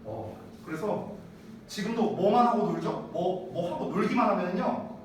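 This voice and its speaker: A man's voice: high voice, moderate pace. Chatty guy teacher in his 30s, voice jumps all over, mic kinda far, faint hiss. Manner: chatty, animated, asks students rhetorical checks. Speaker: English teacher. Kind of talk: casual classroom lecture. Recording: echoey room from far off, faint noise.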